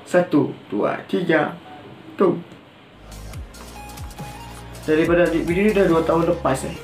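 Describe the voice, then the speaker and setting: A man's voice: a little high, steady tone, measured pace, a little mellow. Echoey Malaysian man reacting casually. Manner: repeats phrases from the video. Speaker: reaction video host. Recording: echoey room, faint music.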